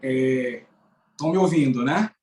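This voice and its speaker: A judge with a slightly mellow, medium-pitched voice and a Bahian Portuguese accent gives courteous closing remarks from a lecture, then converses over a video call. Born in Sergipe, Brazil, and raised in Salvador, he often halts and restarts his sentences, and the audio carries a slight hiss or hum.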